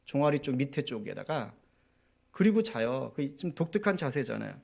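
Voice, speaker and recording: A man's voice: mid-range voice, sing-song, normal speed, creaky, a little mellow, slightly rough. Storytelling male pastor preaching. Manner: storytelling, often asks the congregation for agreement. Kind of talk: sermon. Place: church prayer meeting.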